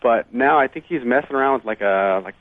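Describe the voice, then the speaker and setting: A man's voice: medium pitch, brisk, no room sound. A man in his late twenties calling into a radio show, telling a rambling story full of fillers. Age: 20s. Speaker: caller. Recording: tinny phone line.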